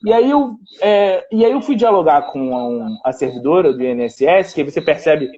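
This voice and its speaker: A man's voice: a little high, animated, normal speed, dark tone, highs cut off. A man, a public defender telling a story in a live panel talk and quoting others in dialogue.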